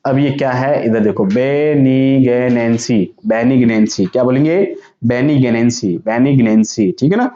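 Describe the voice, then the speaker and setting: Guy teaching vocab, says words slow and makes you repeat, roomy echo, kinda muffled sound. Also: medium pitch. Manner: repeats each word slowly and asks the class to say it back. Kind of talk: exam-prep vocabulary lesson. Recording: echoey room, dull lo-fi sound.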